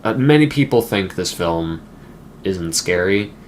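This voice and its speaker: A man's voice: deep voice, animated, a little slow. Casual man reviewing a movie. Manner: conversational, emphatic, with side remarks. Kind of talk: casual video essay. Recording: faint background noise.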